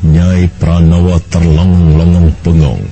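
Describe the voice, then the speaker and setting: A man narrating a radio drama in a calm, measured way. His voice is very low and mellow, and music plays faintly underneath. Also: highs cut off.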